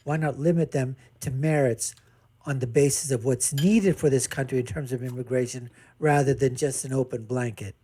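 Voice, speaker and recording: A panelist in a live debate arguing forcefully, asking rhetorical questions and acting out examples. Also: medium pitch, steady tone, normal speed, husky.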